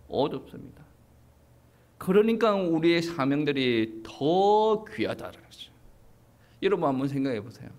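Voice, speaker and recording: A male pastor with a Gyeongsang Korean accent delivering an expository sermon, animated and playing out quoted asides. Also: fairly high pitch.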